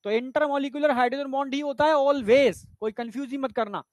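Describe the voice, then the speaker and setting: High-voiced man teaching biology. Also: steady tone, fairly quick, no echo. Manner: chatty, repeats "theek hai" often, asks students if they follow. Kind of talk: online exam-prep lecture. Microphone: lapel mic.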